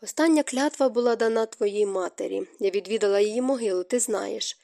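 A woman voicing a gentle, remorseful middle-aged stepmother who speaks softly and tearfully. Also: mid-range voice, a little fast, creaky, natural voice. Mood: sorrowful. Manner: soft, hushed, tearful delivery.

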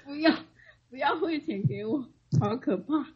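A woman co-hosting a casual chat, telling her stories animatedly and mimicking others in a high voice. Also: expressive, normal speed, darkish tone. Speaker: podcast co-host. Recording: dull lo-fi sound.

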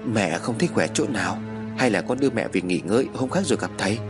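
A man voicing a gentle, dutiful daughter-in-law who speaks with soft concern in a storybook tale. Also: lowish voice, lively intonation, quick pace, music in the background, lightly acted.

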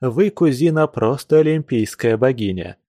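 A man's voice: medium pitch, expressive, moderate pace, mellow, no echo, studio quality, natural voice. A man reading a classic novel aloud, voicing a passionate, earnest young nobleman with urgent, lecturing speech. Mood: fervent.

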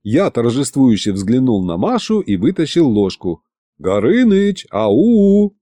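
Brief: male audiobook narrator, wry and animated, dark tone, dry studio. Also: mid-range voice, moderate pace, dry recording. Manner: wry, expressive.

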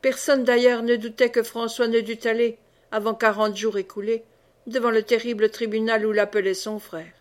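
A woman with a slightly high voice narrates a classic novel as an audiobook reader. Her scripted reading is measured and expressive.

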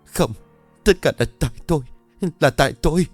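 A man's voice: mid-range voice, expressive, a little slow, creaky, no room sound, soft background music, pitched above the performer's own voice. A man voicing a grief-stricken older mother in a spoken ghost story, pleading and drawn out. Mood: anguished.

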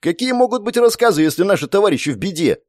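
A man's voice: fairly high pitch, lively intonation, fairly quick, a little mellow, no echo, clean studio sound, voice pushed up, natural voice. A man voicing an impulsive, hot-headed young man who blurts out what he thinks, in a storybook reading.

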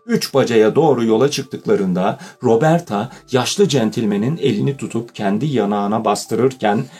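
A man narrating a children's audiobook in a steady, measured storytelling style. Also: mid-range voice, breathy edge. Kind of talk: scripted narration.

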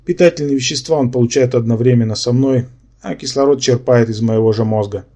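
A man reading a fantasy audiobook in first person, with a wry, measured delivery. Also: mid-range voice, dark tone. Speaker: audiobook narrator.

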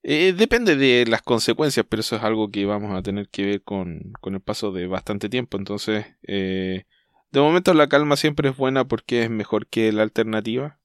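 A Chilean man hosting a podcast in casual chat, talking thoughtfully and often pausing to restart his sentences. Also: lowish voice, dry recording, clean studio sound. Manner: thoughtful, hesitant, trails off and restarts mid-thought. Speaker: podcast host.

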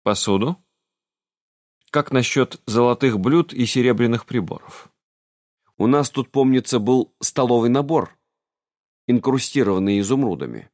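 A man's voice: mid-range voice, animated, normal speed, pauses often, a little mellow, no room sound, studio quality, natural voice. A man voicing the grumpy, aloof master of an old castle in an audiobook, grumbling and condescending. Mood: sardonic.

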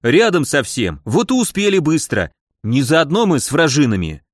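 A man's voice: fairly high pitch, big pitch swings, dry recording, clean studio sound. A man doing a frightened young guard. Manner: hurried, pleading.

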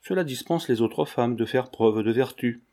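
Give me a stern proud old carpenter father, read by a man, slow and weighty. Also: medium pitch, warm tone, close to an everyday voice. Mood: bitter.

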